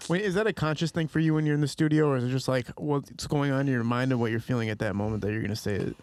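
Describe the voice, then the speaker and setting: A man's voice: mid-range voice, very fast, a little mellow. A young man hosting a podcast, chatty and cheerfully profane as he interviews his guest. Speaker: podcast host. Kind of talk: casual interview chat.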